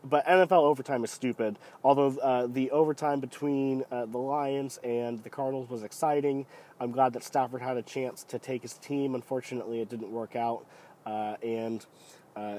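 Male sports podcaster with a head cold deepening his voice; unscripted, halting, opinionated delivery over light background noise. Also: flat delivery, darkish tone. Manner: hesitant, rambling, opinionated. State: sick with a cold. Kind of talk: casual solo NFL commentary.

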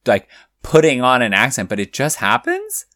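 A man chatting casually, relaxed and reflective, with fillers and restarts. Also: medium pitch, normal speed, no room sound, clean studio sound. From mother from Cork, Ireland. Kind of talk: casual chat.

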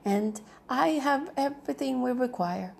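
A woman's voice: sits high, lively intonation, creaky, slight background noise, pitched above the performer's own voice, exaggerated voice. Woman reading as a firm, worldly older aunt. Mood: brisk. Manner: firm and brisk.

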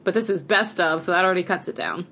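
A woman from chats eagerly on a podcast, sprinkling 'like' through every sentence. Her voice sits a little low for a woman. A faint noise runs under the recording. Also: quick pace, bright, forceful tone. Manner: chatty and enthusiastic, heavy use of 'like'. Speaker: podcast co-host. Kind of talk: casual podcast chat.

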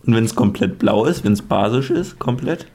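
A man's voice: fairly low pitch, expressive, normal speed, a little mellow, slight background noise. A man, co-hosting a casual chat, joking around and asking questions.

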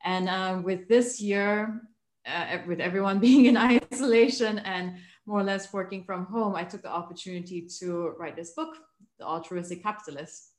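A woman in her thirties from Malaysia, a book author answering interview questions in a thoughtful, measured way with frequent fillers. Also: medium pitch, reverberant. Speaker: guest, author. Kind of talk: remote interview.

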